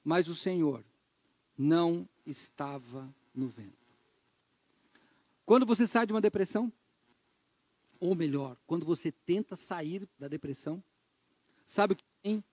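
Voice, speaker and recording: Brazilian pastor guy preaching, high voice, swings loud to hushed, dry close sound. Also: measured pace, long pauses, no echo. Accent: Brazilian Portuguese. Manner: animated, acts out quoted complaints with sudden pitch jumps; drops to a hushed low voice for emphasis. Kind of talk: sermon.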